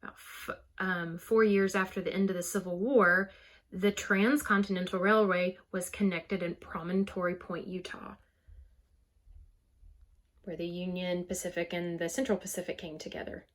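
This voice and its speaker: A woman's voice: lowish voice, little pitch movement, moderate pace. A woman teacher giving a recorded poetry lesson, explaining carefully and stressing words to show rhythm.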